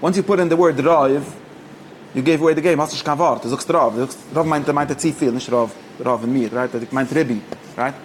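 A man teaching an informal text study lesson, halting and restarting often, mixing languages. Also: medium pitch, slight background noise. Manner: halting, mixes languages, many fillers and restarts. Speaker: teacher of religious texts.

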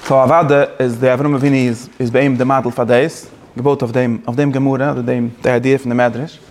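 A man teaching a Torah class, talking fast with many restarts and mixing in Hebrew and English phrases. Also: medium pitch, flat delivery, a little mellow. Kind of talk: Talmud-style lecture.

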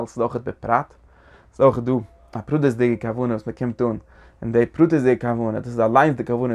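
Man, gravelly low-pitched voice, religious text lecture, halting, restarts phrases. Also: a little mellow. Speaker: teacher.

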